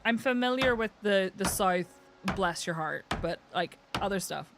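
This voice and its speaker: Irish woman streamer, rambling casual chat, medium pitch, steady noise and clicks behind. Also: moderate pace. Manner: rambling and chatty, many filler words. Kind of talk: casual live-stream chat while gaming. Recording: clear background noise with clicks.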